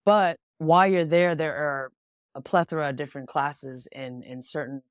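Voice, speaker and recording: This low-voiced young American, a pro boxer from Washington State, talks thoughtfully in a relaxed interview, frequently starting over mid-thought. Her intonation stays fairly even at a moderate pace, captured dry with studio clarity.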